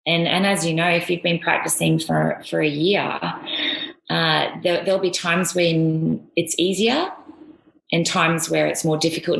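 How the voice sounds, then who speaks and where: A middle-aged woman with an Australian accent, an air force veteran, chats casually as an interview guest, rambling with many restarts. Her voice is fairly low, gravelly and fairly bright, recorded in an echoey room.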